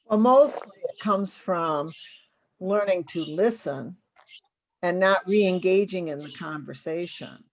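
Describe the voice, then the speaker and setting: Gravelly woman teaching over a dull call. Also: fairly low pitch, takes it slowly. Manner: conversational, with many fillers and restarts. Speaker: massage school instructor. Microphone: computer mic on a video call. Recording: dull lo-fi video call audio.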